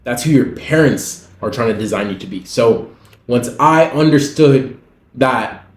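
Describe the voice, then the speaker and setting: A man's voice: mid-range voice, expressive, measured pace, echoey room. A man telling a personal story to camera in a rambling, faith-filled way. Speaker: vlogger. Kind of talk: casual storytelling monologue.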